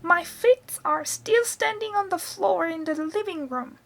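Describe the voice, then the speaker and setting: A woman voicing a boastful old grandmother who shouts in a high, shrill, cackling voice. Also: measured pace, full character voice. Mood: gloating.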